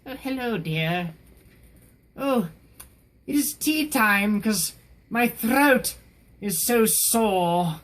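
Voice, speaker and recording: A woman's voice: a little high, lively intonation, voice pushed up. A woman putting on a fussy old British lady at tea. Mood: fussy, genteel. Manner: theatrical, drawn-out exclamations.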